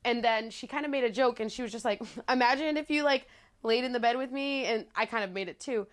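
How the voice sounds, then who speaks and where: A woman in her twenties with a low voice tells her story candidly to the camera in a casual talking-head vlog, chatty, playful, and a little fast, with frequent laughs. She's indoors in a small living room filled with plants.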